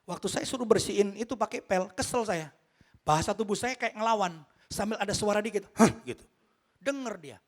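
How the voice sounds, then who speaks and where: A male pastor preaching a sermon, telling a story and addressing the congregation directly, swinging between loud outbursts and hushed lines. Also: high-pitched, expressive, brisk.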